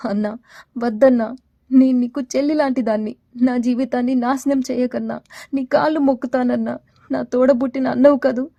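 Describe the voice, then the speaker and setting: A woman's voice: on the high side, normal speed, warm tone, dry recording, muffled recording, close to an everyday voice. A woman voicing a bold young village woman student in an audio story, speaking in a defiant, scolding way. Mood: pleading.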